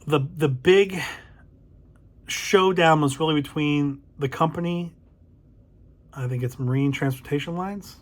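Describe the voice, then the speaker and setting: A man's voice: fairly high pitch, unhurried, long pauses. A middle-aged man hosting a casual spoken book review, thoughtful and a little hesitant, correcting himself as he goes. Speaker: book reviewer, channel host.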